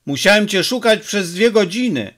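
A man's voice: sits high, animated, normal speed, fairly bright tone, pitched above the performer's own voice. A man doing a short-tempered village father. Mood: angry, scolding. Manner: scolding, exasperated.

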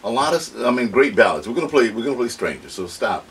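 Expressive male radio host. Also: medium pitch, fast. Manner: expressive, joking, emphatic. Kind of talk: casual interview talk. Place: radio studio. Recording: distant mic with faint room noise.

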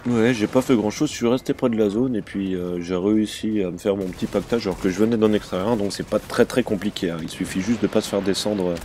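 Deep-voiced guy doing chill let's-play commentary, chatty, lots of ums, faint hiss behind. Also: fast, hardly any pauses, warm tone. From France. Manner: chatty and informal, with frequent hesitations. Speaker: gaming channel host.

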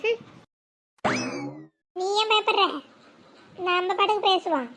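A woman's voice: very high-pitched, slow, a bit bright, exaggerated voice. A woman voicing a nosy, gossiping neighbour woman who mocks the family. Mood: gossipy. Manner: gossipy, mocking.

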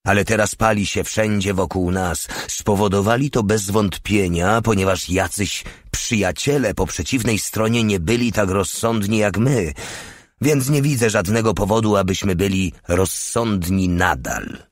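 A man's voice: lowish voice, a little slow, dry recording, clean studio sound, natural voice. A man voicing a small, scarred male desert legionnaire in an audiobook, fierce and scornful as he rallies his comrades. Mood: urging.

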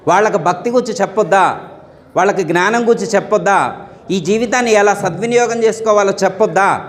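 A young man giving a devotional discourse, often putting questions to his listeners and singing verses slowly. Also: sits high. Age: young adult. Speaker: spiritual speaker. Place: gathering hall. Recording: reverberant hall.

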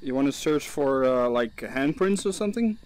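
A man's voice: mid-range voice, expressive, normal speed, a little mellow. A man streaming a game with a teammate, swearing and laughing, casual chat.

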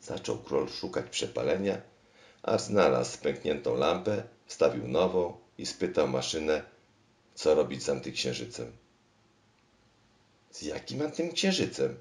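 A man reading a storybook aloud in a deliberate, expressive manner. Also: rumbling low. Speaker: narrator. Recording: roomy echo.

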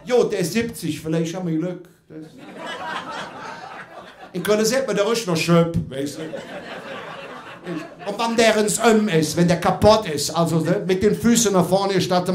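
A man's voice: high voice, echoey room. A man with a Cologne accent doing live stand-up for an audience, chatty and tacking "ne?" onto nearly every sentence. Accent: Cologne (Kölsch). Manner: chatty, keeps adding "ne?", laughs along. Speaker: comedian on stage.

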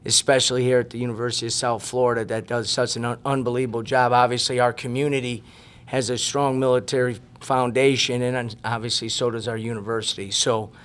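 A man's voice: mid-range voice, level tone, quick pace, fairly bright tone. A man in his forties, a head basketball coach giving earnest, emphatic postgame answers at a press room table mic, often repeating words as he thinks. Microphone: table mic on a stand.

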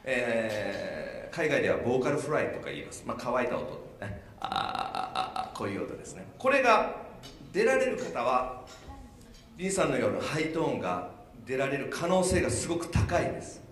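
A man's voice: mid-range voice, huge pitch swings, brisk, fairly bright tone, slight background noise. A man from Kumamoto, a vocal coach explaining and demonstrating singing sounds live on stage at a dinner show. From Kumamoto, Kyushu, Japan. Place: hotel banquet hall. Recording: echoey banquet hall.

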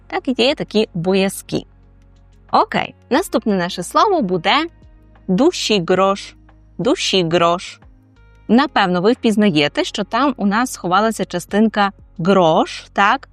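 A woman in the middle of a language lesson, pausing to say each phrase slowly before explaining it. Her voice sits at an ordinary middle pitch. The recording is dry and close, with faint music behind her. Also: no room sound. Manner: slows down to repeat each phrase, then explains it. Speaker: Polish language teacher.

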